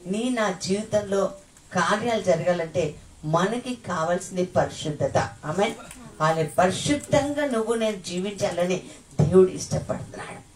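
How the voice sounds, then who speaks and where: A woman's voice: mid-range voice, distant mic, rough recording. A woman preaching a sermon, exhorting the congregation with call-and-response hallelujahs and then leading them in prayer.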